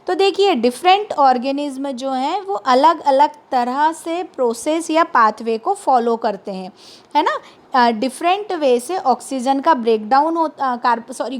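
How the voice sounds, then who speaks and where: A woman science teacher giving a lecture, asking questions and answering them herself, and slowing down for terms spoken. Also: sits high. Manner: asks questions then answers them, slows for English terms. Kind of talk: classroom lecture.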